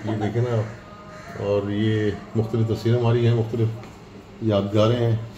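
A man showing guests around his home with a relaxed, self-mocking humor. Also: fairly low pitch, moderate pace, dull audio. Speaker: homeowner giving a house tour. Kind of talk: casual chat. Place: large home, indoors. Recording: echoey room with background noise.

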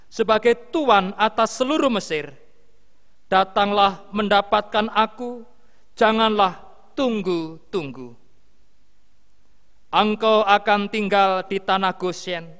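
A man leads worship as a pastor, reading scripture at a slow, solemn pace. His voice sits high and rings smooth and clear. Long reverb trails each phrase. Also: a bit bright. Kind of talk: liturgical prayer and scripture reading.

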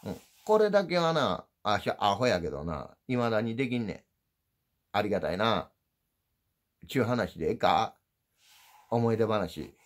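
A man's voice: big pitch swings, normal speed, long pauses. A middle-aged man with an Osaka dialect, rambling through a casual folksy monologue to his channel viewers, meandering and self-deprecating. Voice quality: low gravelly voice. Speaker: channel host. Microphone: handheld phone.

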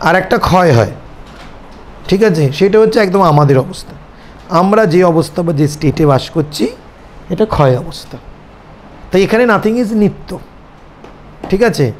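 A man's voice: sits high, animated, moderate pace, pauses often, slight background noise. A man with a Bengali accent giving a seminar lecture, explaining ideas and often checking that his listeners follow. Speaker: seminar teacher. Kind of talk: lecture to students.

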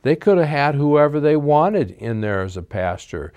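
A man's voice: fairly high pitch, very animated, normal speed, a little mellow, clean tone, no room sound. A man hosting a political talk show, explaining step by step in a monologue and checking in with frequent "okay?"s. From United States.

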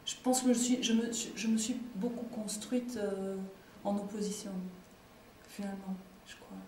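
Hesitant young woman, flat mellow voice. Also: medium pitch, normal speed, a little hiss or hum. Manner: hesitant, stammering, reflective. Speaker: interviewee. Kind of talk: casual interview answers. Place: small room with brick wall. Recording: echoey room.

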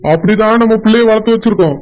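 Brief: man as steady, consoling village father, high and brisk, Kanyakumari Tamil. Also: muffled recording, close to an everyday voice. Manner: gently reasoning, comforting. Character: calm consoling middle-aged father.

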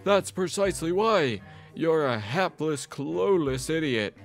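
A man voicing a blunt, scheming male mentor in a game, hushed, curt and dismissive. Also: a little high, expressive, unhurried, soft background music, voice pushed up. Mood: conspiratorial.

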